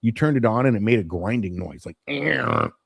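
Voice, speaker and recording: Hosting a morning live stream, a man in his late forties rambles to viewers about how things have changed, nostalgic and drifting off topic. His fairly low voice is very animated, creaky, husky and a bit bright, at normal speed. The studio-quality recording has no room sound.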